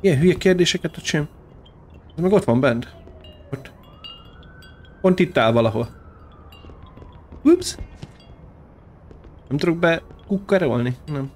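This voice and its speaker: Excitable and foul-mouthed, this man hosts a let's-play on his gaming channel, mocking the enemies he faces. He speaks at a fairly high pitch and pauses often.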